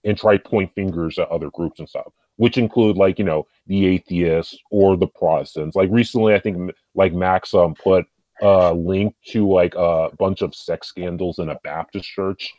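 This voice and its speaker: A man's voice: sits low, steady tone, moderate pace, warm tone, no room sound, lo-fi sound. A man speaking as a podcast guest, rambling casually with lots of fillers like "and stuff.".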